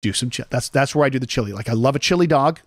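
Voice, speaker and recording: A young man chats loosely on a relaxed morning stream, wandering from story to story and tossing jokey asides to his viewers. His voice sits at a middle pitch. The recording is close and dry, with almost no room sound. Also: racing, dry recording. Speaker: host. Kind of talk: casual morning chat with live chat.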